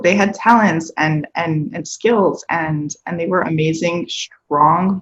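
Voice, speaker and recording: Earnest woman, muffled audio. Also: low voice. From United States. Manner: earnest and expressive. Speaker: email copywriter on a panel. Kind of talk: online panel discussion.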